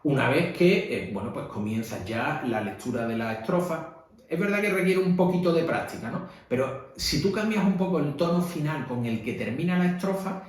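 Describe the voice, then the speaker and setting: A man with a Spanish accent, a priest teaching how to read at mass, in a conversational way with frequent tag questions. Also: fairly high pitch. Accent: Spanish (Spain). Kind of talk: instructional talk. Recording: echoey room.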